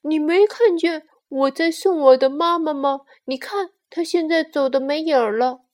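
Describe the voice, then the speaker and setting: A woman voicing an excited, emotional little bear cub in a bedtime story, calling out loudly and insistently. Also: sits high, slow. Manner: shouting, insistent.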